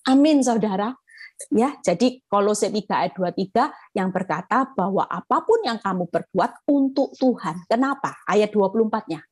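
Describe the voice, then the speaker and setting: Husky woman preaching. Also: mid-range voice. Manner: animated, addresses listeners directly, acts out quoted prayers. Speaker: evangelist preacher. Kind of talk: sermon over video call. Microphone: video call.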